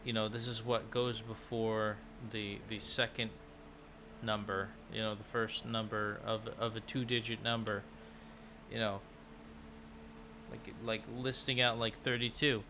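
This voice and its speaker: A man's voice: on the low side, flat delivery, measured pace, noisy background. A man chatting casually on a livestream as he works through language lessons, thinking aloud with many restarts. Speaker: language-learning vlogger. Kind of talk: casual livestream chat while doing lessons.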